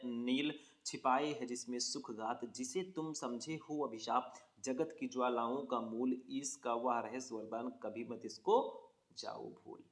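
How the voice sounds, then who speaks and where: A man's voice: mid-range voice, fairly bright tone, echoey room. A man teaching an exam lesson who goes through verse line by line, calls his students 'bhaiya' and keeps checking with 'theek hai'. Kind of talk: exam paper walkthrough lesson.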